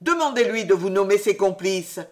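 A woman's voice: mid-range voice, expressive, moderate pace, natural voice. A woman voicing a strict male schoolmaster who speaks harshly and commands the class. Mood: stern.

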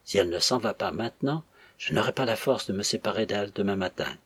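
A man reading the lines of a tense, anxious young man in an audiobook, with a husky voice. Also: on the low side, fast, dry recording.

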